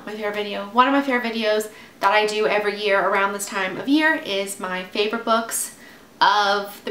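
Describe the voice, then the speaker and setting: Sitting indoors at home, a young woman who makes book videos talks casually to the camera while clearly stuffed up with a cold, wandering off into asides. She's in her twenties, with a medium-pitched, sharp-toned voice. There's room echo and a little background noise.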